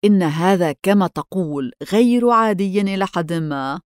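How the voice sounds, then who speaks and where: A woman's voice: fairly low pitch, lively intonation, normal speed, a little mellow, clean tone, no room sound, studio quality, close to an everyday voice. A woman reading the lines of a polite, deferential male head clerk who studies handwriting, in a storybook. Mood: respectful. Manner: polite, respectful.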